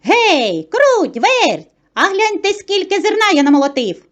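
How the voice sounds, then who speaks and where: A woman voicing a hardworking, cheerful male rooster in a children's tale, calling out brightly. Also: high voice, very animated, moderate pace. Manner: calling out brightly, then scolding.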